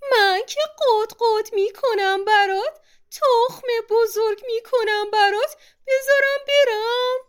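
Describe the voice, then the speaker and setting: An actress voicing a fussy, clucking hen in a children's audio story. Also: female voice. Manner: squeaky, drawn out.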